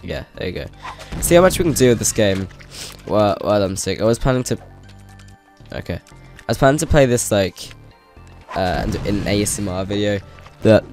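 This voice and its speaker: A man's voice: on the low side, expressive, fairly quick, a little mellow. A man, stuffed up with a cold, talking through a video game in a loose, rambling way. He stops and restarts often and laughs between thoughts. Game music plays faintly behind him. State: congested with a cold. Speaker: gaming channel host. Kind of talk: casual gameplay commentary. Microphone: desk microphone set to high sensitivity.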